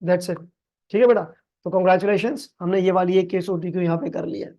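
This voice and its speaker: Male accounting tutor with a Pakistani accent and a mellow voice. He reads case text word by word and coaxes the class along. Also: high-pitched, fairly even intonation. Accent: Pakistani Urdu. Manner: explains slowly in Hindi-Urdu with English terms, calls students "beta"; reads English passages very slowly and deliberately. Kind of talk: recorded video lecture.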